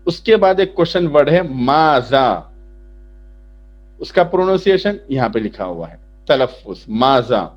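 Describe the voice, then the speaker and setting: A man teaching from a chart, slowly explaining each word and asking then answering his own questions. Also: mid-range voice, very animated. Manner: slow, repetitive explaining, asks then answers. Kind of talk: lesson explaining a vocabulary chart. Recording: dull lo-fi sound.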